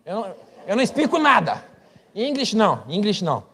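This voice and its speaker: A man voicing a panicky Brazilian man lost abroad, shouting broken phrases in confusion. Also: sits high, very animated, brisk, husky, big-room sound, pitched above the performer's own voice, heavily acted. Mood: flustered. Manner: loud, flustered, broken phrases.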